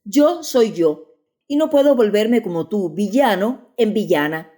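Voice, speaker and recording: A woman's voice: medium pitch, lively intonation, measured pace, dark tone, close to an everyday voice. A woman voicing a proud young wife who protests in a tense, tearful voice. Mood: proud, defiant. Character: proud young wife, scornful then humiliated.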